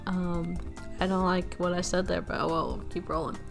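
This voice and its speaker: A woman's voice: on the low side, moderate pace, gravelly, faint music behind. A woman hosting a furniture flipping vlog, chatting casually and rambling with fillers while she cleans and works. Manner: relaxed, rambling, self-deprecating, with fillers. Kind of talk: casual chat while working.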